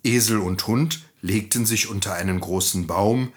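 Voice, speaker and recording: A man reading a fairy tale aloud to children, in a gentle, expressive and friendly way. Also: fairly low pitch, normal speed.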